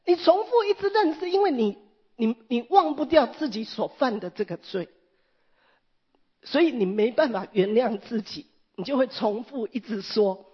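A woman preacher giving a sermon, telling stories in an animated way with wide swings in pitch. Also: moderate pace, husky. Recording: dull lo-fi recording.

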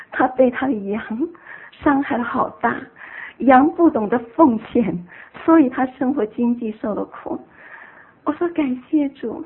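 A woman telling the story of her faith testimony to a church group, animated and emotional. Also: fairly high pitch, breathy edge. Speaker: church member giving a testimony. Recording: tinny phone-like sound.

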